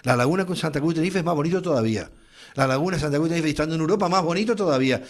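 A man's voice: fairly high pitch, animated, rapid-fire. A man from the Canary Islands with a Canarian accent, arguing emphatically in a radio round-table, often repeating his points. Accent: Canarian Spanish.

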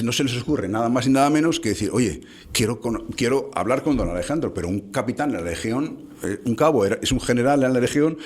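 A man, telling local history anecdotes in conversation, halting with many restarts. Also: mid-range voice, darkish tone, breathy edge. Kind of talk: conversational storytelling.

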